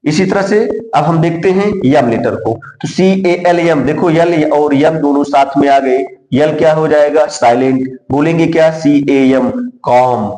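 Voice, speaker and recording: A man's voice: a little high, measured pace, hardly any pauses, dark tone. A man teaching a classroom lesson. He asks questions and then answers them himself. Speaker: English teacher. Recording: echoey room.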